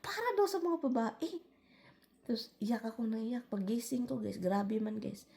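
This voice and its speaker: Gravelly Filipino woman chatting to viewers. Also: a little high, animated, moderate pace, warm tone. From Philippines. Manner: chatty, addresses viewers as guys, mixes in English; laughs while telling a story. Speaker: vlogger. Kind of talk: casual chat to viewers.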